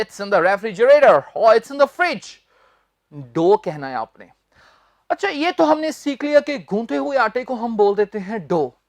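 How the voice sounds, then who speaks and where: A woman's voice: fairly high pitch, no room sound. A woman teaching spoken English in a lecture, spelling words out letter by letter and firmly correcting common mispronunciations for her students. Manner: explains in Hindi, says English words slowly and spells them out letter by letter; addresses students directly, corrects mistakes firmly.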